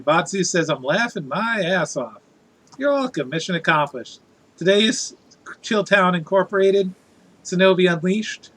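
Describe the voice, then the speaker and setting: A man's voice: on the high side, bright, forceful tone. A man chatting casually as a live streamer, reading out viewer comments in a playful, jokey, theatrical way.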